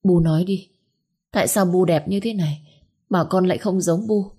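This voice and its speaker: A woman's voice: on the low side, moderate pace, dark tone, slightly rough. A woman voicing a heartbroken young woman pleading with her mother, in a storybook reading. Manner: pleading, insistent questions.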